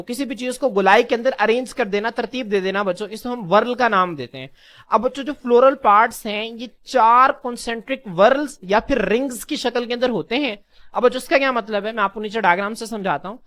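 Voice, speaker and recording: A man teaching a class lesson, calling his listeners children, posing questions and answering them himself, and slowly repeating key terms. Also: very high-pitched, a bit bright. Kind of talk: classroom lecture.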